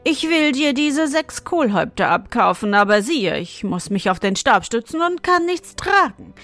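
A woman voicing a hoarse, spiteful old witch who mutters and mocks in a storybook reading. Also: a little high, sing-song, moderate pace, a bit bright, no echo, faint music behind. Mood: sly. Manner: muttering, mocking.

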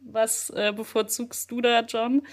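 A woman's voice: a little high, level tone, unhurried. Upbeat woman hosting a podcast. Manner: upbeat, with frequent filler sounds. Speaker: podcast host. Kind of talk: interview wrap-up and quick-fire questions.

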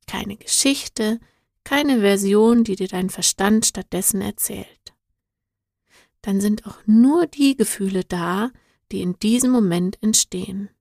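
A woman voicing a patient, wise male guide in a storybook, speaking calmly and softly, often close to a whisper. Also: mid-range voice, no echo. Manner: calm, soothing, at times whispered.

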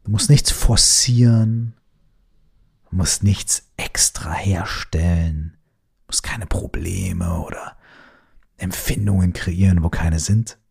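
Male meditation guide, very deep, husky voice, slow and soothing delivery that drifts into whispers. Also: darkish tone.

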